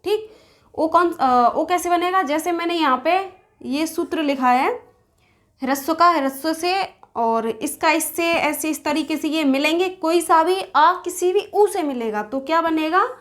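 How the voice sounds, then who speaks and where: Woman, high voice, teacher, grammar lesson, asks and answers her own questions, drawn-out examples. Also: a bit bright. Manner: asks questions then answers them herself; slows down to spell out sounds and examples. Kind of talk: Hindi grammar lesson at a board.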